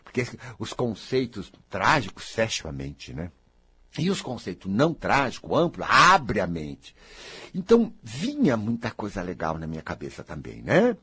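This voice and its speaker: A man's voice: fairly low pitch, wildly swooping pitch, normal speed, a bit bright, husky. A man with a Brazilian Portuguese accent giving an emphatic motivational talk, speaking straight to his listeners and repeating key phrases. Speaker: spiritual self-help speaker.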